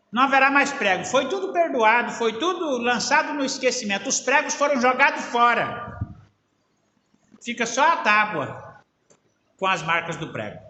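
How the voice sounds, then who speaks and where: High, lively preacher in an echoey hall. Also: male voice. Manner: storytelling with acted-out dialogue, swinging between loud and hushed. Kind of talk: sermon. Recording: echoey hall with faint background noise.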